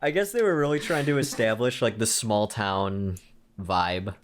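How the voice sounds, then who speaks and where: A man's voice: lowish voice, a little slow, slight background noise. A young man co-hosting a podcast, recapping a horror film in a rambling, casual way full of filler words. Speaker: podcast co-host. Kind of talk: casual movie review chat.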